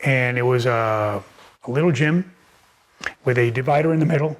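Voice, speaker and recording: At home among his books, an older Miami man recounts his life as an interview guest, casual and full of fillers and repeated words. He has a medium-pitched voice and keeps a moderate pace.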